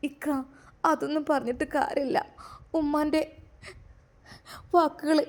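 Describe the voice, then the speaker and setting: A heartbroken young wife speaks in a Malappuram accent, high and plaintive, as a woman reads her. She sounds meek and close to tears. The voice belongs to a homemade family story drama. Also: fairly even intonation, measured pace, a little mellow. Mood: tearful. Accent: Malappuram Malayalam. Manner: plaintive and tearful. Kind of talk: amateur story drama reading.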